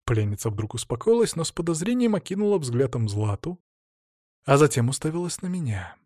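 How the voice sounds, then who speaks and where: A man reading a first-person story aloud with a wry, expressive delivery. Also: fairly high pitch, a little fast, dry recording, clean studio sound. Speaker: audiobook reader. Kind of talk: scripted first-person narration.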